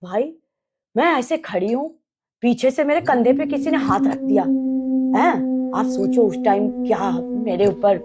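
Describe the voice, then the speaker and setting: An animated young woman tells a spooky story to her family, acting out each scene as she goes. Her voice sits a little high for a woman, and she talks in a relaxed, chatty way. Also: unhurried, breathy edge. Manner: animated, acts out scenes and quotes. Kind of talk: casual storytelling of a ghost experience.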